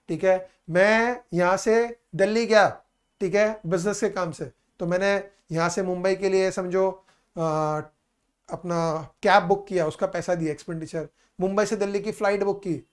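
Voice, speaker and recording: A man teaching a commerce lesson, explaining patiently, repeating key points and reading definitions slowly. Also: high voice. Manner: patient, repetitive explaining, calls students "beta"; reads English definitions slowly and deliberately. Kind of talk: classroom lecture in mixed Hindi and English.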